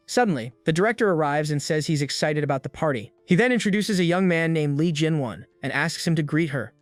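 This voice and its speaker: A man narrating a comic story recap in an even, steady storytelling manner. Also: a little high, no room sound. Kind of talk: scripted narration. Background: faint background music.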